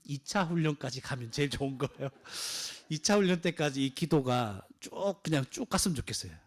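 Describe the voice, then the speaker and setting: A man's voice: mid-range voice, animated, fairly quick. A man preaching a sermon in a conversational style, often asking the congregation questions. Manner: acts out quoted cries with a raised voice. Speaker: pastor.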